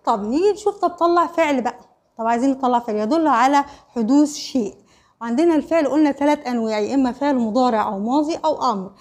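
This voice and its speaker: Her voice sits high and a little mellow, and she delivers her online primary school Arabic lesson rapid-fire in an Egyptian accent. Questions go out to the pupils and she answers them herself, repeating "ماشي؟" and "خلاص؟" to make sure they follow.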